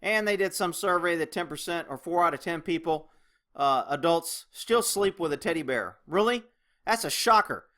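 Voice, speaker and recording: A man's voice: fairly high pitch, normal speed, fairly bright tone. A man delivering an opinionated news commentary rant as a host, sarcastic, exasperated and indignant. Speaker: host of a political commentary show.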